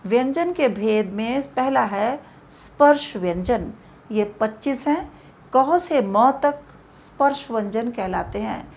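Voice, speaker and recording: A woman teaching a grammar lesson, speaking slowly and deliberately and spelling out each example. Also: a little high, animated, a little mellow. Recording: dull lo-fi recording.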